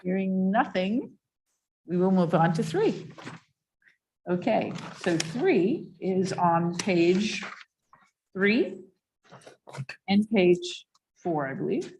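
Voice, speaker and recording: A woman chairing a commission meeting, steering the discussion and reading proposed wording out slowly and carefully. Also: mid-range voice, big pitch swings, darkish tone, slight background noise, poor audio. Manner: methodical, reads wording out slowly. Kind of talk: leading a public meeting. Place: meeting room.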